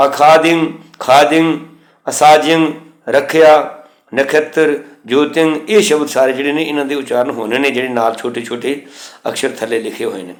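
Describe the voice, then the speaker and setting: A man teaching scripture pronunciation, slowly reciting verse lines and then explaining them plainly. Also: medium pitch, steady tone. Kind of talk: instructional lesson. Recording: echoey room.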